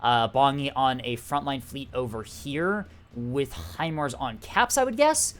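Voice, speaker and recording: A man's voice: medium pitch, lively intonation, unhurried, fairly bright tone. Man casting a strategy game tournament. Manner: chatty, filler-heavy play-by-play with frequent "uh" and "um". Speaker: tournament caster. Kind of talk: live-streamed esports commentary.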